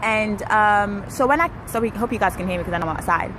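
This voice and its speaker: A young woman from Kenya telling a personal story to her viewers in a chatty, animated way, outdoors while waiting for a ride. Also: medium pitch, fast, over music. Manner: chatty, animated, self-correcting. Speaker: vlogger. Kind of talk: casual storytelling to camera. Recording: street traffic noise behind.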